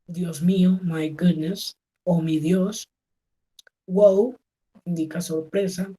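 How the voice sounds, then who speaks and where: A woman teacher explains grammar in an online class, speaking at an unhurried, deliberate pace. Her voice sits a little low and sounds warm and soft rather than bright. She moves between Spanish and English and keeps checking that her students are following. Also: poor audio. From Colombia. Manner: patient, checks in often with "¿sí?" and "¿ok?". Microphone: video call.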